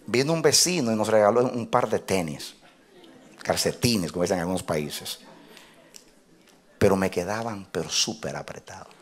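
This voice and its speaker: A male pastor telling a personal story in a sermon, animated, often laughing and building up to loud exclamations. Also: on the low side.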